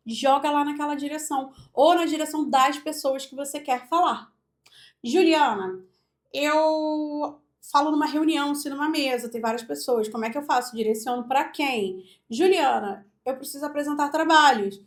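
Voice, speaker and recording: High-voiced Brazilian woman coaching speech. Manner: demonstrative, explains step by step, often says "look". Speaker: speech therapist and public speaking coach. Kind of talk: instructional video with live vocal demonstrations.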